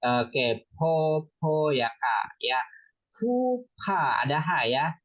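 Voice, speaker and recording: A woman's voice: low-pitched, animated, extremely slow. A woman teaching a beginner Mandarin class online over a video call, encouraging students and calling on them by name. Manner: encouraging, calls on students by name, repeats syllables. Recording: slightly dull lo-fi sound.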